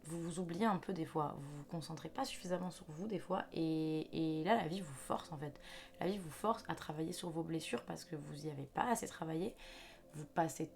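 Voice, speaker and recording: Gravelly low-voiced woman giving a reading. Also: normal speed. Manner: chatty, reassuring, restarts and fillers. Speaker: intuitive card reader. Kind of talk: casual spoken reading to viewers.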